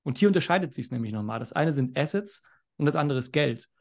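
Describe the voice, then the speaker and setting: A man talking as a podcast guest, explaining finance in an animated way that is sometimes fast and loud. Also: mid-range voice. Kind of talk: casual podcast conversation.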